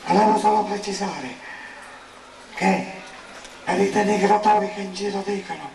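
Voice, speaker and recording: A man's voice: high-pitched, normal speed, a little mellow. A man, physically unwell, making impromptu remarks to a political rally. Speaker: election candidate. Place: outdoor town square rally. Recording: echoey, distant mic, clear background noise.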